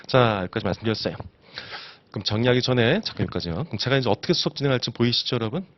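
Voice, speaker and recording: A man's voice: medium pitch, expressive, racing, dry recording, lo-fi sound. A man teaching an exam-prep lecture, constantly asking his students rhetorical questions. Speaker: instructor.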